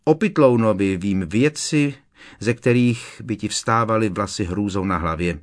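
A man's voice: on the low side, lightly acted. A man voicing a cold, contemptuous female gossip reporter.

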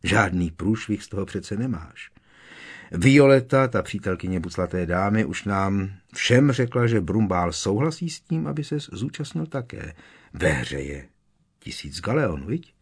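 A man's voice: fairly low pitch, animated, husky. A man voicing a sulky, sarcastic teenage boy wizard in an audiobook, with a doubtful drawl. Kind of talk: audiobook character reading.

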